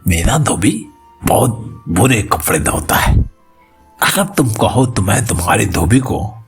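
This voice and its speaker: A man's voice: fairly low pitch, very animated, takes it slowly, breathy edge, soft background music, heavily acted. A man voicing a dim-witted, hard-of-hearing old male clerk who mishears everything and drawls. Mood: befuddled.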